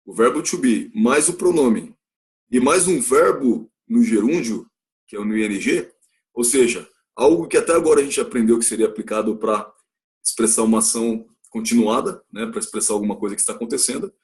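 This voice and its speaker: A man from Brazil teaching an English lesson, explaining patiently, repeating phrases and checking in with his listeners. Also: brisk. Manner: acts out example sentences with a raised pitch. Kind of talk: recorded classroom lesson.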